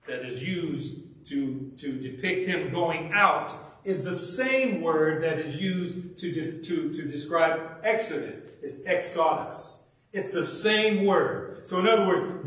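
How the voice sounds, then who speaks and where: A man preaching a sermon as minister, telling the story in a folksy, animated way with frequent restarts and repeated words, recorded in a church sanctuary. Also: on the high side. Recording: very echoey hall, distant mic.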